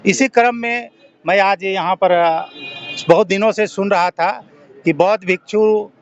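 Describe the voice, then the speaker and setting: A Bihari-accented social activist and former government officer from Bihar, India, speaks spontaneously in an interview, pressing his case with rhetorical questions. His voice sits high with fairly even intonation and a slightly slow pace, and the audio is dull.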